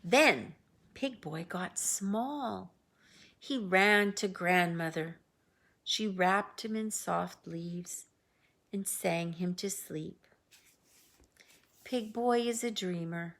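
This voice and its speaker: Lady doing a storybook read-aloud, real slow n expressive, bit husky and breathy. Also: lowish voice. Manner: expressive, with drawn-out phrases and sound words. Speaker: storybook reader. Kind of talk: picture-book read-aloud with casual asides.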